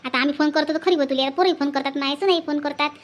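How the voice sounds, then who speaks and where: A woman's voice: high-pitched, rapid-fire, lightly acted. A woman voicing an older village woman from who scolds and hands out repeated advice. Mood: fond grumbling. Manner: scolding, repetitive advice-giving. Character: older village woman, bossy, lecturing elder.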